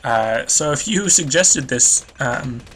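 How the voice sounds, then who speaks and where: Slowly and with lively intonation, the young gamer rambles through his let's play, drifting off topic and making self-deprecating remarks. His mid-range voice has a fairly bright tone and sounds worn and congested, over slight background noise.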